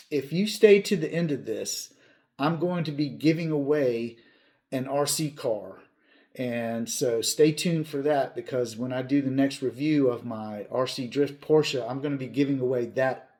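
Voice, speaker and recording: A mid-range, slightly mellow male voice belongs to a hobby channel host in his fifties. Talking casually to his viewers, he's earnest and plain-spoken, leaning on emphatic repetition.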